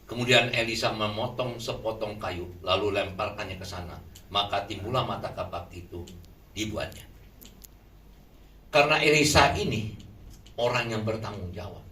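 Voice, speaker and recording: A man preaching a sermon in a lively way, often putting questions to the congregation. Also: on the low side, normal speed, long pauses. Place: shelter hall. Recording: echoey room from far off, faint noise.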